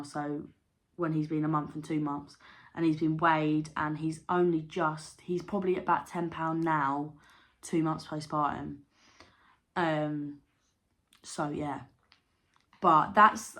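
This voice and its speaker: A woman's voice: low-pitched, a bit bright. Chatty young woman vlogger. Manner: chatty, candid, rambling with fillers. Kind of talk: casual chat to camera.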